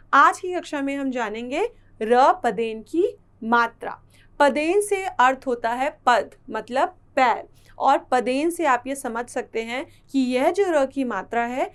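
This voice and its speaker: A woman's voice: sits high, fairly bright tone. A woman teaching a children's Hindi reading lesson, patiently spelling out sounds syllable by syllable.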